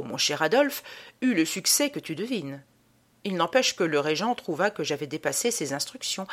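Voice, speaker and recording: A woman reading a jaunty Parisian storyteller. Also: fairly low pitch. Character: Parisian man telling a roguish tale. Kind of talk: audiobook reading.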